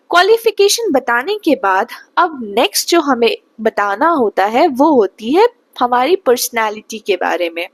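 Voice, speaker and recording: Slow, lively young woman tutor. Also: fairly high pitch, dry recording. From Bihar, India. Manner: slow, patient teaching, checks understanding often. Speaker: English tutor. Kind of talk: spoken English lesson.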